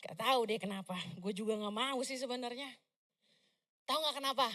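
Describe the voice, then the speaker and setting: A middle-aged woman pastor preaching a sermon loudly and emphatically, breaking into casual slangy asides. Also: a little high, fairly quick.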